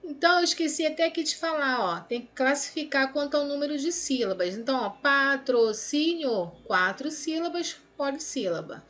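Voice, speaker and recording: In this recorded lesson correcting exercises, a Brazilian Portuguese-accented woman explains grammar one step at a time. She has a high, expressive, fairly bright voice and talks at a moderate pace with hardly any pauses, stretching words into syllables and frequently checking on her students.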